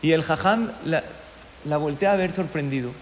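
A man giving a storytelling sermon, an animated teacher who keeps asking his listeners questions. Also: fairly high pitch, moderate pace, slight background noise. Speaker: religious teacher. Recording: echoey hall with long reverb.

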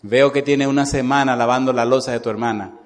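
A kind, forgiving mother speaks softly and tenderly, her voice dropped low and quiet, with a male preacher acting her out. It is a sermon story about forgiveness. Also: fairly even intonation, brisk, natural voice. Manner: soft, tender, lowered voice. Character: gentle forgiving mother, middle-aged woman.

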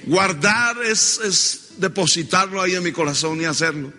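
A man's voice: a little high, brisk, bright, forceful tone, big-room sound, faint music behind. A male pastor with a Colombian accent preaching in a church and leading the congregation in call-and-repeat. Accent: Colombian Spanish. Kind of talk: sermon.

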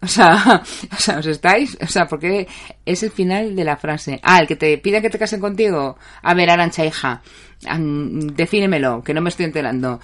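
Blunt, chatty woman from Spain, lowish voice. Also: moderate pace, a bit bright. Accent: Spain Spanish. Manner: chatty and blunt, reads out viewers' names, laughs often. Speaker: therapist answering live comments. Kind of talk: casual live-stream advice chat.

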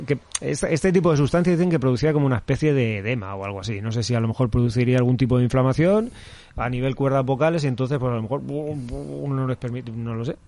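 A man's voice: medium pitch, mellow, no echo. A man co-hosting a casual podcast chat, joking and swearing freely while reading out fun facts. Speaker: podcast co-host.

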